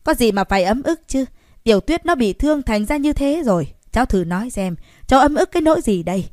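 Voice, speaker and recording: A woman voicing an irritable old grandfather who scolds loudly, reading an audiobook story. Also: mid-range voice, lively intonation, fairly quick, no room sound, studio quality, natural voice. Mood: angry scolding. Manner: angry, scolding, raised voice.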